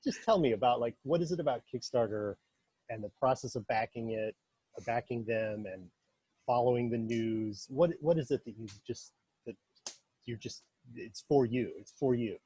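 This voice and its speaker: A man hosts a casual interview, firing quick either-or questions in a friendly way. His voice is mellow and a little husky, and the recording is dry, with no room sound. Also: medium pitch, no room sound. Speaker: interview host.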